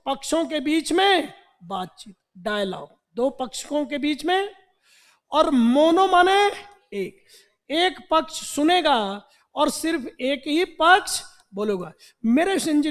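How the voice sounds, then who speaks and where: High-voiced Hindi-speaking male teacher, slow. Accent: Indian Hindi. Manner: animated, repetitive explaining with rhetorical questions. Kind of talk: online vocabulary lesson.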